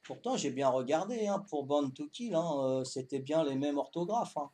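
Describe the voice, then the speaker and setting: A man in his fifties with a Corsican accent, chatting calmly to his viewers during a live game stream, tagging his sentences with "hein" and repeating himself. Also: on the high side. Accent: Corsican French. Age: 50s. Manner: calm, unhurried, talks to chat while playing.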